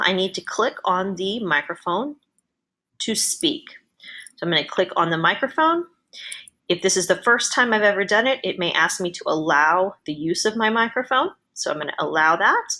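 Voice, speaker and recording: A woman narrating an explanatory software tutorial as an educator. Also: mid-range voice, lively intonation, normal speed.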